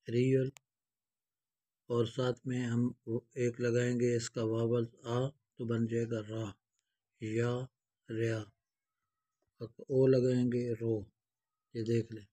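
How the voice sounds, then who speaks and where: A man's voice: mid-range voice, completely flat delivery, long pauses, warm tone. A man with a Pakistani accent teaching a language lesson, patiently repeating each step. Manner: patient, repetitive step-by-step explaining. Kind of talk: explanatory lesson.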